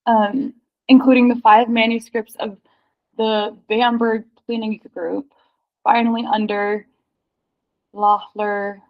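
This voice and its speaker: A woman in a casual research chat, excitedly reading history passages aloud in quick bursts. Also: fairly high pitch. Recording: dull lo-fi sound.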